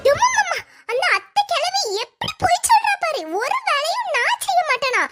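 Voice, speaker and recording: A woman's voice: very high-pitched, very animated, normal speed, bright, forceful tone, soft background music, heavily acted. A woman with a Thoothukudi accent voicing a spiteful, sly young sister-in-law in a cartoon. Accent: Thoothukudi Tamil. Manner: whiny, plotting. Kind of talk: cartoon voice acting.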